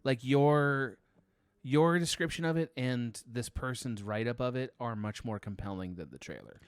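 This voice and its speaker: A man's voice: medium pitch, clean tone, no room sound, clean studio sound. Reserved man in casual podcast conversation. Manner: reserved, measured, hedging. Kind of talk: casual film podcast chat.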